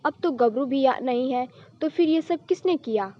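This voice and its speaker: A woman's voice: high-pitched, animated, normal speed, lo-fi sound. A woman voicing an angry young husband. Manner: scolding, indignant.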